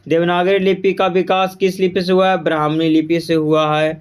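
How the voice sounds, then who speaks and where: A man's voice: sits high, flat delivery, moderate pace, clear, resonant tone. A man teaching an exam-prep Hindi grammar lesson, repeating each answer and quizzing the class. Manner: repeats answers with quiz-style questions to the class.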